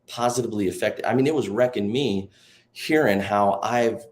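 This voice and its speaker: A man with a fairly low voice recounts his own life story on a faith talk show. He talks loosely and earnestly, circling back and restarting his sentences. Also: moderate pace. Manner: rambling, many restarts and "you know"s. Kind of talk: emotional testimony in a faith interview.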